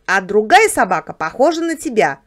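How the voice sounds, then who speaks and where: A woman's voice: mid-range voice, big pitch swings, a little fast, natural voice. A woman voicing a boastful, know-it-all male house dog who explains things in a patronizing way, read as a storybook character.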